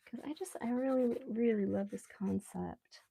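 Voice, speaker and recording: On a live stream, a woman artist hosts while she draws, chatting casually, rambling at an unhurried, moderate pace, and thinking out loud. Her voice sits on the high side, relaxed and soft-edged yet gravelly and slightly rough, and she sounds relaxed and mildly sedated after an anesthetic.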